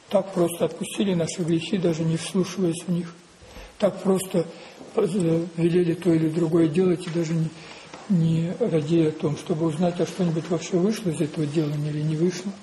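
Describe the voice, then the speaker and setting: A man preaching a sermon, deliberate and repetitive, posing rhetorical questions and answering them himself. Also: fairly high pitch, steady tone, mellow, a little hiss or hum, low-quality recording.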